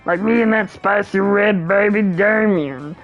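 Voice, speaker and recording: A boastful plant monster bent on having rivals, as a man reads it aloud. The voice sits high with a gravelly edge and a grand, theatrical delivery. Soft music plays behind. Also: unhurried, muffled recording. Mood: grandiose. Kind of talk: reading a dating game aloud.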